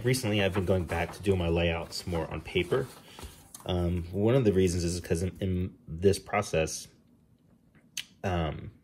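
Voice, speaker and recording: A middle-aged man with a New Jersey accent walks through his drawing process in a relaxed, rambling way, full of ums and restarts. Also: low-pitched, slight background noise. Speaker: comic artist. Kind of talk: casual drawing tutorial.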